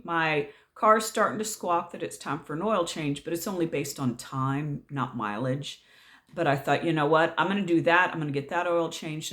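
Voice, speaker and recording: Exasperated middle-aged woman ranting casually. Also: low voice. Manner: exasperated, sarcastic, animated. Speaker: vlogger. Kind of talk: casual storytelling rant.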